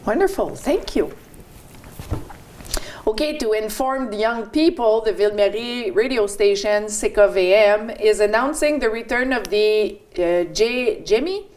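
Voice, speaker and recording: French Canadian woman, slightly high voice. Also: measured pace, darkish tone. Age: 40s. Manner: reads community notices with small stumbles and chatty asides. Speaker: radio co-host. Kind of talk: community radio announcements and banter.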